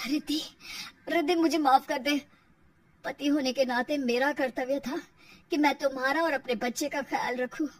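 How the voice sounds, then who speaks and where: A woman voicing a young husband softly pleading with his wife for forgiveness. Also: sits high, fairly even intonation, normal speed, natural voice. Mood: remorseful. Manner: soft, pleading, contrite. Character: young husband, remorseful, apologizing.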